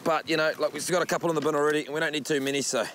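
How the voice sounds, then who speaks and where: A man with a broad New Zealand accent chatting casually and excitedly while out fishing as a presenter. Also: on the high side, racing. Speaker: kayak fishing show presenter. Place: outdoors on the sea, in a kayak or small boat. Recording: outdoor boat and water noise.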